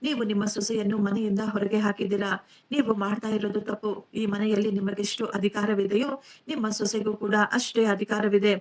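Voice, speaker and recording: A woman's voice: medium pitch, little pitch movement, normal speed, darkish tone, lightly acted. A woman voicing a stern, fair-minded older neighbor man in a storybook tale, firm and reproachful.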